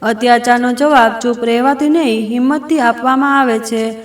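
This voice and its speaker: A woman voicing a gentle, encouraging older mother figure in an echoey room. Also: on the high side, fairly even intonation, normal speed, distant mic, natural voice. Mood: tender.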